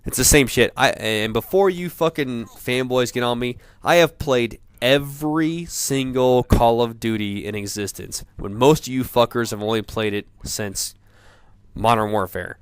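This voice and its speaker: A man in a profane off-the-cuff gamer rant, sounding drunk, rambling haltingly and repeating himself. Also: mid-range voice, clean tone, dry recording. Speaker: gamer ranting about video games.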